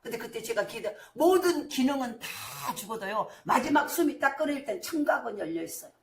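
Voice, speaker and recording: High-voiced woman pastor preaching in an echoey church. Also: expressive, brisk, noisy background. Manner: impassioned preaching, swinging from hushed storytelling to shouted declarations. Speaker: senior pastor. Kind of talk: sermon. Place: church sanctuary.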